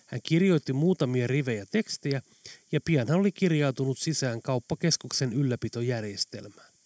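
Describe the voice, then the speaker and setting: A man's voice: medium pitch, dry recording. Man narrating an audiobook, dry sound. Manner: even, steady storytelling. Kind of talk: scripted narration. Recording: dry close studio sound.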